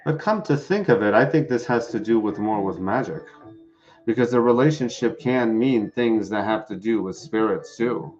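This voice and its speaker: A man's voice: on the low side, moderate pace, a little mellow, dull audio, soft background music. A man doing a live-streamed tarot reading, chatting with viewers and answering the chat. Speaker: tarot reader.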